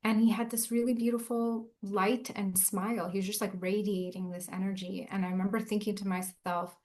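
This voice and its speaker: A woman's voice: medium pitch, flat delivery, fairly quick, darkish tone. A woman, a chaplain telling her story in an earnest, reflective way as a guest in a casual interview. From Southern California.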